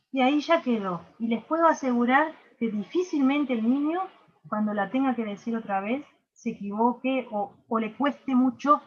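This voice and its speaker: A woman with a Uruguayan accent teaches an online workshop, her voice sitting somewhat high. She explains step by step, dropping fillers and asking if everyone follows. The sound is a bit dull and lo-fi, like a video call. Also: slightly rough. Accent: Uruguayan Spanish. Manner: explanatory, frequent filler "este" and checking questions. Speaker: workshop instructor.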